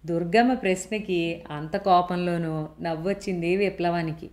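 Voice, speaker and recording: A woman narrating a story in a steady, expressive reading voice. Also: lowish voice, moderate pace.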